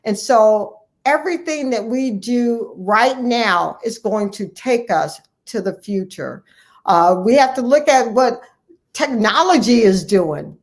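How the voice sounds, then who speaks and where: An American family physician from Ohio, who is also president-elect of a medical association, speaks as a guest in an interview. Her voice is slightly high with animated intonation and a slow pace. She answers earnestly and forcefully, repeating key phrases to stress them.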